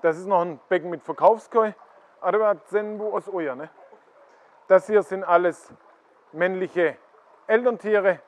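A man's voice: high voice, unhurried, long pauses. Middle-aged man explaining koi on a tour. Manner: explanatory, pointing viewers to fish. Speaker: koi dealer giving a farm tour. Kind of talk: walking tour commentary. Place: greenhouse koi ponds, indoors. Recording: slightly dull lo-fi sound.

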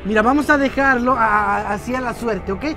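A man's voice: extremely high pitch, a little fast, gravelly. A man with a Mexican accent playing a silly, squabbling clown in a comedy sketch. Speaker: children's clown performer. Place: outdoor concrete sports court. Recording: music laid under the voice.

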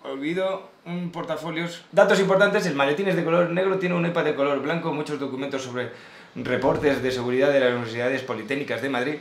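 A man in his thirties with a Spanish accent from Spain banters casually as the host of a prank show. His voice is a little high and a little fast, captured in a small, echoey home office with faint background noise.

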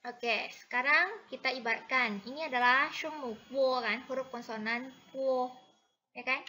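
A female primary teacher with a high, very bright and piercing voice leads a lesson for first graders. She speaks patiently, keeps checking in with the children, and calls out each syllable loudly and slowly for them to copy. She moves between Indonesian and Mandarin as she teaches. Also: low-quality recording. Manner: patient, repeats "ya" and "anak-anak" constantly; drawn-out, loud modeling of syllables.

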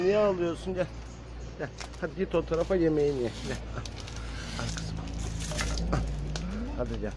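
A man talking casually to viewers in a garden, gently coaxing cats. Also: mid-range voice, background noise. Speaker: vlogger caring for stray kittens. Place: outdoor garden.

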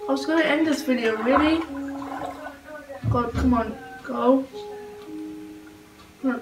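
A woman hosting let's-play gameplay commentary, panicky and yelping, with halting speech that repeats and restarts phrases. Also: sits high, distant mic. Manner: panicky, frequent yelps and exclamations. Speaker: gamer host. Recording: roomy, off-mic, with game music.

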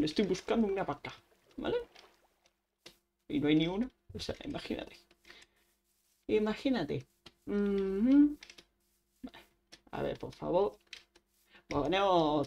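Woman, lower pitch, casual game streaming, chatty self-talk. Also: normal speed, vocal fry, pauses often, a little mellow. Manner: chatty, talks to herself and the game, sound effects like "pam". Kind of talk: casual Minecraft let's play.

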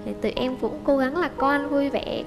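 A young woman tells family stories as a guest. Her voice sits high and carries a long studio reverb. Faint music plays under her talk. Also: fairly even intonation, normal speed. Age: young adult. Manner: chatty, strings events with "xong", mimics quoted voices. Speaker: guest daughter-in-law. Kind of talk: casual storytelling on a TV talk show.

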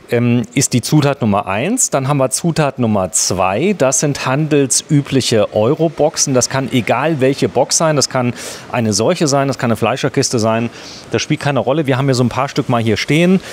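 A man's voice: mid-range voice, darkish tone, slight background noise. Casting: man, chatty host, casual demo patter, filler-heavy, joking. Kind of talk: casual on-site product demo.

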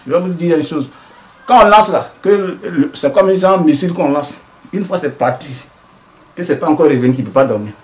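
A man explains his work as a traditional healer, his voice sitting a little high. He talks earnestly and often breaks off to restart his sentences. The recording carries a clear echo from the room. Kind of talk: interview answers.

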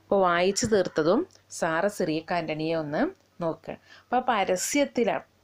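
A woman teacher who reads passages from a short story aloud, then slowly and patiently explains each one in plain words. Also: fairly low pitch, lively intonation. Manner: slow and patient, pausing often to paraphrase each passage. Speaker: literature teacher.

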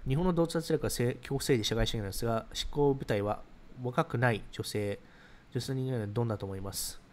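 Thirties male stream host, rapid chatty delivery, mid-pitched, reads and answers comments. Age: 30s. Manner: rapid, chatty, explains ideas while reacting to comments. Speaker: livestream host reading viewer comments. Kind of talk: casual livestream chat.

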